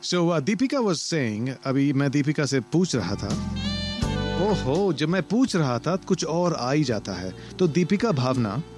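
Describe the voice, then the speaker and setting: This radio call-in host, a man with an Indian accent, has a slightly high, darkish voice and talks in a rapid, sing-song way. His casual chat blends English and Hindi with playful, flirtatious banter, set over background music.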